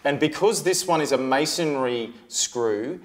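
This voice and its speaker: A man's voice: a little high, unhurried, slight background noise. An Australian man talking like a practical tradie, casually explaining how things are done. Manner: plain-spoken tradie talk, explaining practically. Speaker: tradesman guest explaining fixings. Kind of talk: casual instructional chat.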